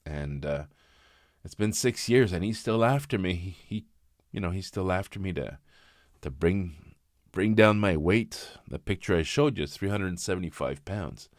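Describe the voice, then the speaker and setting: A man in his fifties talking candidly in a personal vlog, reflective and halting, often restarting his sentences. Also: low-pitched, expressive, no room sound, studio quality. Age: 50s. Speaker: vlogger.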